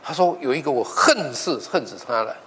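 A man, preaching as a pastor and telling a story, acting out the dialogue with lively swings in his voice. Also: medium pitch, brisk, long reverb tail, a little hiss or hum. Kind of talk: sermon storytelling.

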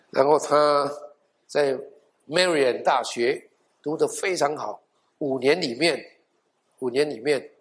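A man preaching a sermon, telling a life story with lively acted-out quotes. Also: mid-range voice. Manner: animated storyteller, acting out quoted voices.

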